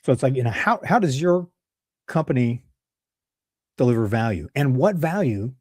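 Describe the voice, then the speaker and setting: A man's voice: medium pitch, animated, moderate pace, a little mellow, no echo, clean studio sound. A man with a Midwestern accent hosting a solo leadership advice talk, conversational and prone to digressions and self-corrections. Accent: Midwestern American. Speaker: leadership channel host.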